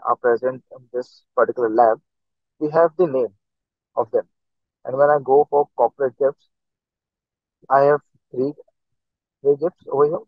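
A man's voice: mid-range voice, no room sound. Man teaching over a tinny screen recording. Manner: explains step by step, says "okay" constantly. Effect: screen recording of an online class. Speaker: instructor. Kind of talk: online lecture over screen share. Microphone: computer mic on a video call. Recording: tinny dry online call audio.

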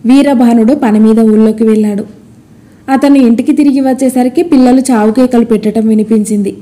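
A woman reading a folk tale aloud in calm, measured storybook narration. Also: fairly high pitch.

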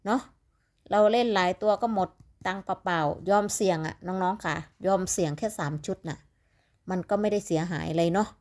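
Calling her audience "little siblings," a woman with an Isan accent shares lottery number tips in a casual, rambling chat. Her medium-pitched voice is a little mellow and fairly quick, and she sounds sleepy.

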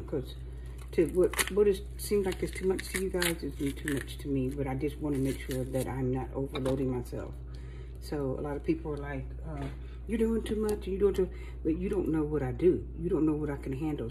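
A middle-aged woman with a low voice chats while prepping vegetables at her indoor kitchen counter at night, talkative and encouraging in a casual cooking vlog shot on a phone. The background is noisy.

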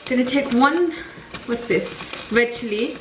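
A woman's voice: a little high, unhurried, distant mic, very noisy. A young woman, chatting to viewers while she cooks in a home kitchen. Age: young adult. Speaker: vlogger. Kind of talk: casual cooking vlog. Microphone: camera mic on the counter. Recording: echoey kitchen, voice off-mic, music behind.

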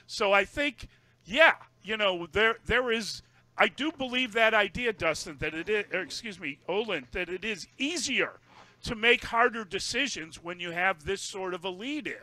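An emphatic male radio host weighs in on the postgame show. His voice is high and bright, and the sound is close and dry. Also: expressive, normal speed, dry recording. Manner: emphatic, pointed opinions.

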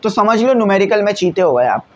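A man's voice: high-pitched, big pitch swings, a little hiss or hum. A man, a physics teacher giving a lecture, explaining with everyday examples and often checking that students follow. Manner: reads English textbook lines slowly and deliberately. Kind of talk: classroom lecture on video.

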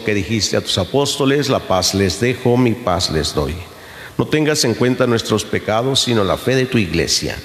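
A middle-aged man, a priest, reciting the Mass at the altar in a slow, measured, solemn way. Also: on the low side. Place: church sanctuary, behind the altar. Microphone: fixed camera from across the altar. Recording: echoey church with long reverb.

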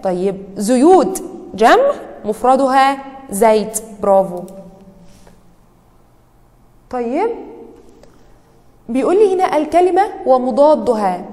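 A woman with an Egyptian Arabic accent teaching young children an Arabic lesson, quizzing them and praising each answer with a quick "bravo". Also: sits high, mellow, big-room sound. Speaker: primary school teacher.

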